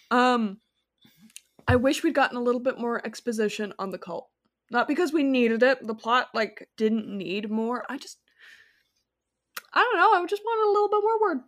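A woman co-hosting a podcast, talking casually about a movie, rambling and correcting herself as she goes. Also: on the high side. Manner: rambling, self-correcting, animated asides. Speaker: podcast co-host. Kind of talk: casual chat.

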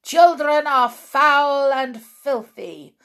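A lady reading out a shrieky bossy old witch queen, loud and slow, voice swoops up high. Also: expressive, full character voice. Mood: ranting. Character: screaming tyrannical old female witch leader.

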